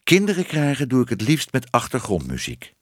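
A man's voice: mid-range voice, huge pitch swings, a little fast, dry recording, studio quality. A man reading a storybook aloud, voicing a worldly female alley cat who gives knowing advice. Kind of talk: audiobook reading.

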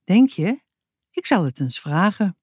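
A woman voicing a calm, friendly and very strong father in a children's storybook reading, talking in an unruffled, polite way. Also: on the low side, measured pace, slightly rough, dry recording, studio quality, heavily acted.

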